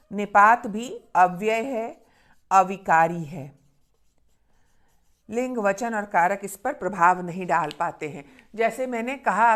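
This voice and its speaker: Female grammar teacher, steady lesson delivery, slow stressed examples, frequent check-ins with learners. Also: medium pitch. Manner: reads example sentences slowly and with stress; often checks in with "ठीक है ना?". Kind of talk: classroom-style grammar lesson.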